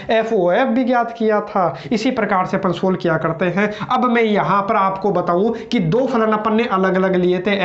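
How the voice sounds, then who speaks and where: A male math tutor teaching a lesson, who keeps asking rhetorical questions and answering them himself. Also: sits high. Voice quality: repeats his own questions with a drawn-out "bhai". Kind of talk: classroom math lecture. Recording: roomy, slightly dull lo-fi sound.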